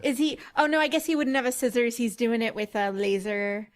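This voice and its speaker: Female co-host, chatty and riffing, somewhat high voice. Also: brisk. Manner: chatty, laughs and riffs on the scene. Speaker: podcast co-host. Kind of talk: casual podcast chat.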